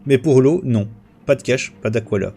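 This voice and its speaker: A man voicing a village man who guards the well and calmly, apologetically refuses water. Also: medium pitch, moderate pace, vocal fry, faint music behind, close to an everyday voice. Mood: firm. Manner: calm, apologetic explaining.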